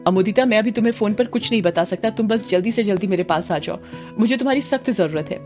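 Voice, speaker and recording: A frightened young man pleading urgently over the phone in an audio storybook, put on by a woman narrator. He sounds anxious and pressing, with soft guitar music running beneath. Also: mid-range voice, quick pace, natural voice.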